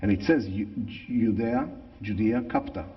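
A man's voice: fairly low pitch, unhurried. A middle-aged man from Israel with an Israeli accent, explaining things conversationally as an interview guest. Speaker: interview guest, tour guide. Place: large church sanctuary, indoors. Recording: echoey large hall, slightly dull sound.

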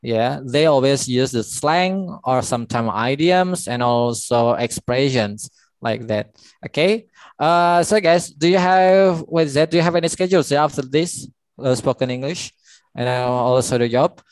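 A man's voice: medium pitch, unhurried, dry recording. Chatty male English teacher, dry sound. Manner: chatty, explains with examples, frequent fillers. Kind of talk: live online English lesson.

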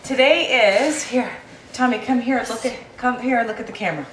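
A mother's voice, a little high and a little fast, encourages her toddler through letters in a sing-song way. The home video comes from a camcorder's built-in microphone indoors, so the room sounds echoey and a faint hiss runs underneath.

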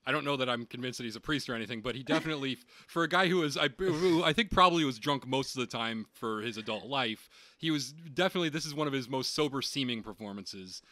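A man with a bright, forceful voice trades wry, profane jokes about a film in casual podcast chat, chuckling as he goes. The sound is close and dry, with almost no room around it. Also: mid-range voice, expressive, fast talker, hardly any pauses, no room sound. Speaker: podcast co-host.

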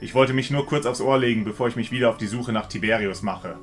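A man reading a grieving young man in a hushed, barely voiced tone. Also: medium pitch, quick pace, soft background music, lightly acted.

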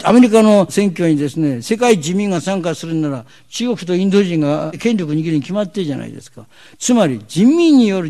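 Gravelly, emphatic male TV commentator. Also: high voice, mellow. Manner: emphatic, rhetorical, sardonic lecturing with pointed questions. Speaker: host of a televised discussion seminar. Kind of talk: televised commentary monologue.

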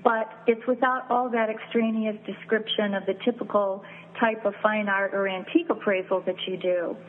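A woman appraiser answering interview questions in a measured, explanatory way, listing points step by step, heard over a phone line. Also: medium pitch, steady tone. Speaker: fine art and wine appraiser, guest. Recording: tinny phone line with faint hiss.

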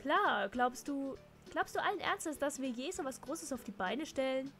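A brash, scheming male henchman, voiced by a woman reading the game aloud, scolding his partner. The voice is high and carries over faint music. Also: animated, moderate pace, a bit bright.

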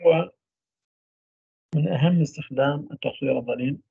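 A man giving a university radiology lecture, trailing off mid-phrase into drawn-out fillers. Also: fairly high pitch, gravelly, slightly rough, dry recording. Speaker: medical lecturer. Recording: dull lo-fi dry recording.

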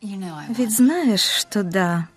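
An actress in a dubbed film drama playing an affectionate young bride-to-be with a tender, teasing manner. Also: female voice, mid-range voice, animated, very slow, faint music behind. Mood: hushed, teasing. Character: bride-to-be, affectionate young woman, anxious for her dog.

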